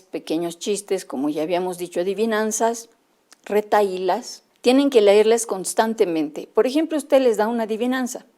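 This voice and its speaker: Female teacher trainer, Bolivian Spanish accent, warm low-toned voice, patient and methodical delivery. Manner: spells out letters and sounds slowly, addresses teachers as usted. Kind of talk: instructional lecture for teachers.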